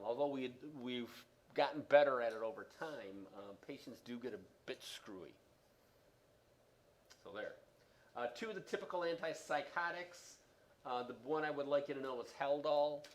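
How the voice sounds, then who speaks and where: A man giving a classroom lecture on respiratory therapy, rambling with many fillers and restarts, loud and quiet by turns, trailing off at the ends of sentences. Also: medium pitch, moderate pace, slight background noise.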